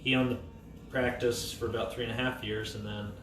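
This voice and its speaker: A young man from Idaho who is a dentist, answering interview questions in a friendly, relaxed way inside a small dental office. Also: fairly low pitch, a little fast, background noise. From Idaho, United States. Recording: echoey room, mic at a distance.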